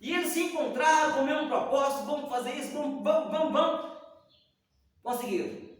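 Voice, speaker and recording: Speaking fairly quickly in a very high voice, a man teaches Sunday school, bringing Bible stories to life by acting out each character's lines. The mic is far off in a hall with lots of echo.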